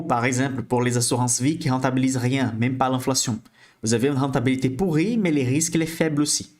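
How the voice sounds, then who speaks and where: A man's voice: fairly high pitch, darkish tone. A man speaking French with a Brazilian accent leads a live-streamed investing lesson. His delivery is chatty and conversational, and he keeps checking in with viewers as he goes. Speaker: financial educator hosting a live stream.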